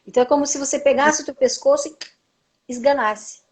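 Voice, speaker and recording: A woman's voice: high-pitched, steady tone, brisk. A woman speech therapist explaining voice technique on a live stream, asking rhetorical questions and answering them herself. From Brazil. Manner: frequent tag "né".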